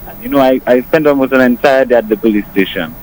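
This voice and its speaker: A man's voice: mid-range voice, fast, slight background noise. A man calling into a radio show over a weak phone line, speaking casually with many fillers and restarts. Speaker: radio call-in caller. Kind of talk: casual call-in praise.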